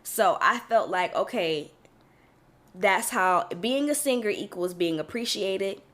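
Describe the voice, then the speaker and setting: A woman's voice: mid-range voice, animated, slow pace, fairly bright tone. A young adult woman hosting her own podcast, talking things through in a casual, reflective way with lots of fillers and restarts. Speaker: podcast host. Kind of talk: casual solo podcast monologue.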